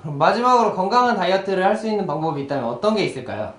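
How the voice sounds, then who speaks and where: A TV reporter asking quick, polite questions on site. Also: mid-range voice, expressive, fairly bright tone. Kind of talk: on-site interviewing. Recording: echoey room with faint noise.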